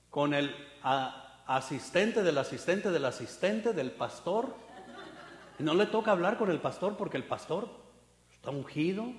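A pastor preaching a sermon, moving from hushed to loud and emphatic, now and then mocking proud people in put-on voices. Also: male voice, a little high. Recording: echoey hall with long reverb.

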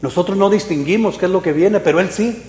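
Male pastor, lively preaching, slightly high voice, echoey church hall. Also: fast talker. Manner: animated preaching, acting out voices, swings from loud to hushed. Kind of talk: sermon.

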